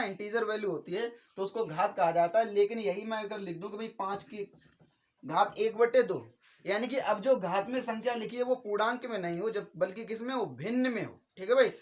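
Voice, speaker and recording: Man repeating "okay brother" as he teaches. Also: high-pitched. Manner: says "ठीक है भाई" after nearly every sentence; slow and repetitive, spells out each step. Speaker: maths teacher. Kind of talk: classroom-style lecture.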